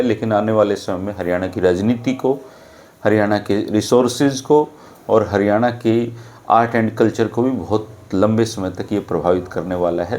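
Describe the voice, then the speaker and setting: Male political talk host, low voice, sarcastic commentary for viewers. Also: darkish tone. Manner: sarcastic, addresses viewers directly.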